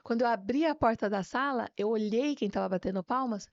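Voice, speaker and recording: Speaking a little fast in a fairly high voice, a woman pastor relates her own testimony of faith as a guest. She tells it vividly, frequently finishing lines with tag questions, and the lo-fi audio has no echo.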